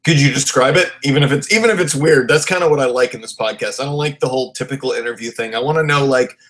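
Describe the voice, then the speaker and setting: A man's voice: mid-range voice, quick pace, fairly bright tone. A man in his late twenties hosting a podcast interview, rambling and loose, laughing often in casual chat. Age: 20s. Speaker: podcast host.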